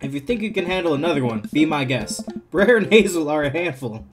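Lively man reading game dialogue. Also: fairly high pitch, brisk. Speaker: gameplay video host. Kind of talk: reading a dating-sim script aloud. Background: game music.

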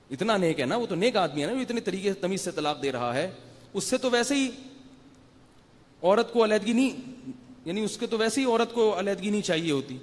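Fairly high-voiced man lecturing in a hall. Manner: conversational, asks the audience rhetorical questions, tells anecdotes. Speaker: Islamic scholar giving a Ramadan night lecture. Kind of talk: religious lecture to a live audience.

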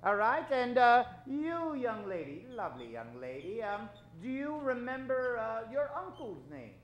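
The stage recording is dull and lo-fi as a middle-aged man hosts an improvised radio show live in a theater. Very high-pitched and a bit bright, his unhurried voice swoops broadly while he delivers hesitant, courteous, theatrical patter like an old-time announcer.

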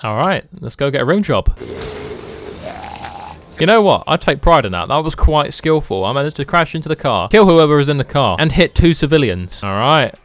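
A young British man joking his way through a let's play, with goofy asides and sudden loud outbursts. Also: a little high, very animated, normal speed, a little hiss or hum. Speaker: gaming YouTuber.

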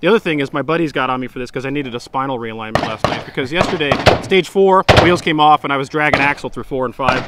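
A man hosting a casual talk outdoors at a shooting range, walking through a course in a quick, animated way. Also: mid-range voice, very noisy. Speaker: host. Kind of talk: casual range chat and stage walkthrough.

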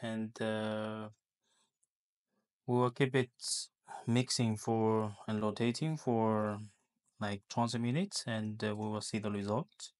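Slow, halting man demonstrating a lab test. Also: fairly low pitch, steady tone. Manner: halting, many fillers and restarts. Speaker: product demonstrator.

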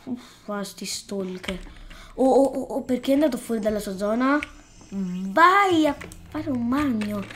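A woman's voice: a little high, lively intonation, measured pace, a little hiss or hum. A woman doing playful Let's Play commentary, exclaiming at the game and scolding the creatures in it. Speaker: gaming YouTuber.

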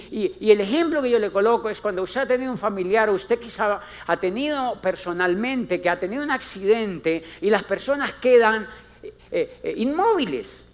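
Theatrical man with lively high voice. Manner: theatrical, acts out characters with big pitch swings; repetitive, emphatic. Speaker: motivational speaker. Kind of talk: conference talk.

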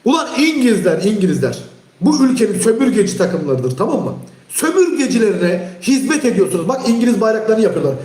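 A man hosting a live stream, ranting heatedly at his chat and often shouting. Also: high voice, big pitch swings, fast talker, reverberant. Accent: Turkish. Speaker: livestream host. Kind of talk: angry live-stream rant.

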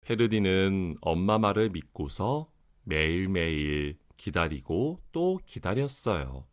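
A man reads a children's story as its narrator. The delivery is slow and expressive, with wide pitch movement and very deliberate, over-enunciated articulation.

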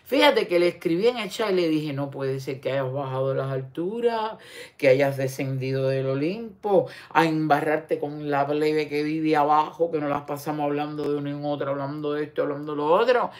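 A woman's voice: deep voice, a little mellow. An older woman with a Cuban accent hosting an online show, chatting casually, teasing and talking straight to the viewer. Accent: Cuban Spanish. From Cuba. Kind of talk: casual commentary chat.

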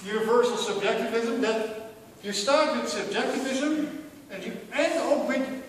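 A middle-aged man with a Dutch accent teaches a university class, throwing rhetorical questions at his students and often stopping to restart his phrases. His voice sits high for a man. It reaches the mic from across a large lecture hall, with long reverb. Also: measured pace, slight background noise. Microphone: far camera. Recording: echoey hall recorded from far off.

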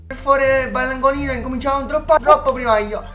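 A man chatting over an online game, excitable and switching between soft talk and shouting. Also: extremely high pitch, quick pace, faint music behind. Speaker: gamer and video host.

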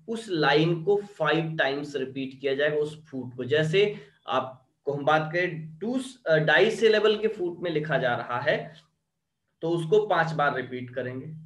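Slow, patient male teacher in an echoey room. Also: fairly high pitch, fairly bright tone. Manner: drills terms, often asks "clear?" and "okay?". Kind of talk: classroom lecture. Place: classroom at a board.

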